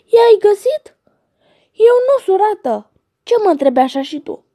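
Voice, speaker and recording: A woman voicing a flock of fussy, excited geese in a storybook reading. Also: high voice.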